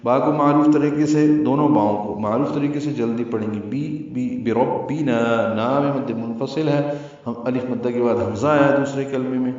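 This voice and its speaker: A man's voice: mid-range voice, darkish tone. Man, recitation teacher, explains rules step by step, very echoey distant recording. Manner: explains rules step by step, then chants verses slowly. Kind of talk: tajweed lesson with recitation. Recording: echoey, distant, slightly dull sound.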